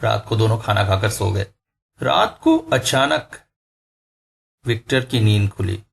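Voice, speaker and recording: A man narrating a horror story in a slow, suspenseful storytelling manner. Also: fairly low pitch, expressive, gravelly. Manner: slow, suspenseful, rising in tense moments. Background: faint music.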